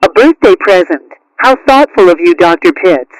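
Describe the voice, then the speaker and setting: A man voicing a caring, gently firm mother cat in a cartoon, in a soothing, motherly manner. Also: high-pitched, expressive, moderate pace, slight background noise, rough recording. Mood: polite suspicion. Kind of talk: cartoon character acting.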